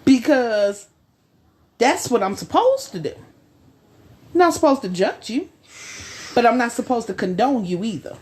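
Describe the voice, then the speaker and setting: A woman co-hosting a podcast discussion, speaking emphatically with a preaching cadence and slow, stressed phrases. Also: a little high, big pitch swings, darkish tone. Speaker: podcast co-host.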